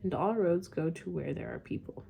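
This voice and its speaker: A woman reading a storybook aloud chapter by chapter, at an unhurried pace. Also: deep voice, lively intonation, creaky, mellow, a little hiss or hum.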